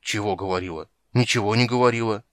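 A man's voice: lowish voice, no room sound, clean studio sound, natural voice. A man voicing a sly, snappish female tiger shark courtier in a storybook reading. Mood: snide. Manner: snide, quick to flare up.

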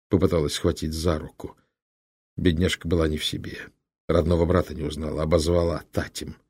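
A man narrating a literary audiobook in a measured, dramatic storytelling manner. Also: low-pitched, warm tone, slightly rough, no room sound.

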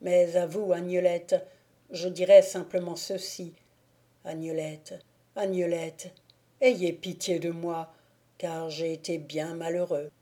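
A woman's voice: fairly low pitch, slow pace, mellow. Woman voicing a despairing young man. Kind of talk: audiobook character reading.

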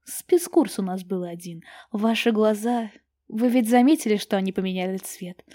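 A soft-spoken, tender man reassures with a mellow, breathy tone, as a woman narrator voices him. The recording is close and dry, with no room around it. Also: mid-range voice, moderate pace, no echo, natural voice. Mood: reassuring. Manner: soft, warm-hearted and reassuring. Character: tender, gentle grown man, a mayor.

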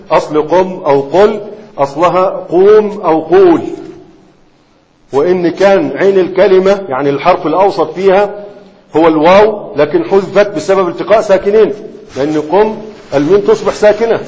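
High-voiced Egyptian sheikh lecturing in a hall. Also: male voice, a little mellow, slight background noise. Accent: Egyptian Arabic. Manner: keeps checking students' understanding with quick questions. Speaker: Islamic scholar teaching Arabic morphology. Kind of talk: classroom lecture. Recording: reverberant hall, dull lo-fi sound.

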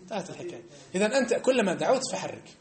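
A man teaching a lesson in a mosque, animated and argumentative, challenging his listeners directly. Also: high-pitched, racing. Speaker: religious teacher.

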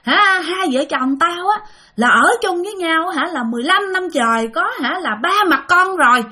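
A woman doing a furious shouting husband. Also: very high voice, animated, pitched above the performer's own voice, exaggerated voice. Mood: enraged. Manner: yelling, indignant, rapid outburst. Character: furious middle-aged husband, shouting defiantly.

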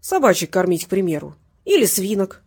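Woman doing a joking cop, wry and teasing, husky voice. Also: mid-range voice, big pitch swings, brisk, darkish tone. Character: joking, rough male cop sidekick.

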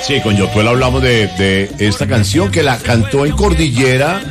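A man co-hosting a radio show, calmly explaining the story behind a song. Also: mid-range voice, normal speed, music in the background. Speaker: radio co-host. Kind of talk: casual radio chat.

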